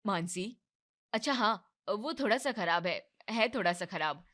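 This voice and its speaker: Speaking at a normal pace with lively intonation, a woman uses her natural voice to play a young husband in an animated family drama. Softly and in a lower register, the soothing, evasive character tries to calm his wife and mother.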